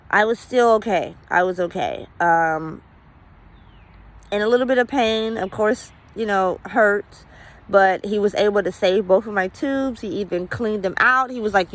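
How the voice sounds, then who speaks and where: Woman vlogging her story, chatty and candid, lots of um and like, emotional. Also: mid-range voice. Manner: candid, conversational, many fillers. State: emotional, near tears at times. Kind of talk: personal story vlog.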